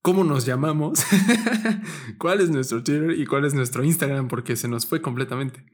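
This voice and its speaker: A Mexican man bantering on his podcast in a playful, slang-heavy way, at a mid pitch for a man. He sounds casual and lively with his co-host. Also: normal speed, breathy edge. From State of Mexico, Mexico. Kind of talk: casual chat.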